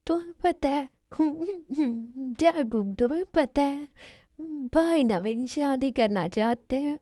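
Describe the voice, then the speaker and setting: Woman voicing a heartbroken young woman, weepy, pleading, high, mellow, dry recording. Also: a little slow, no room sound, natural voice. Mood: tearful. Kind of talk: amateur dubbed love story.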